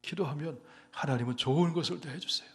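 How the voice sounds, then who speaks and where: A male pastor preaching a sermon. He swings from loud, emphatic declarations to hushed, almost whispered lines, and he calls on the congregation to say amen and repeat after him. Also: a little high, quick pace, big-room sound. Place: church sanctuary.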